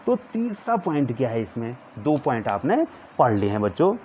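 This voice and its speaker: A man teaching a physics lesson to students, slowly dictating notes and pointing at a diagram as he explains. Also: mid-range voice, very animated, a little mellow. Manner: calls students "children" in nearly every line, repeats words slowly for dictation. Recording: dull lo-fi sound with faint background noise.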